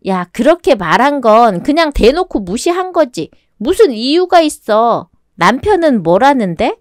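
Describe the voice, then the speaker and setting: A loyal, outspoken young woman friend, voiced by a woman in a radio drama, her voice lively and swinging up high when she gets indignant. The sound is dry and close to the mic. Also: a little slow, no echo. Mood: shocked. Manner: indignant, emphatic. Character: sympathetic outspoken female friend in her thirties.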